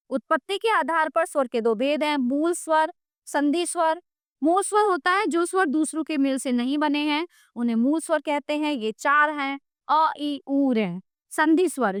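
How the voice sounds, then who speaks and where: A woman's voice: sits high, a bit bright, no room sound, clean studio sound. A woman teaching a grammar lesson, explaining patiently and often checking in with the listener.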